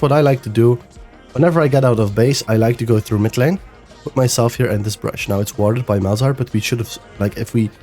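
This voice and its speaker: A young man with a cold, his voice a bit nasal and rough, talking through a gameplay review as a coach with loose, explanatory speech. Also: medium pitch. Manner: explanatory, loose with fillers and restarts. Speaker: game coach. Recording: faint music behind. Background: soft background music.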